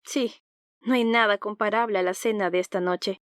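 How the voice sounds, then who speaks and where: A woman's voice: mid-range voice, fairly even intonation, moderate pace, dry recording, clean studio sound, lightly acted. A woman reading an audiobook, voicing a jovial middle-aged father as a hearty dinner host. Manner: hearty, genial storytelling tone.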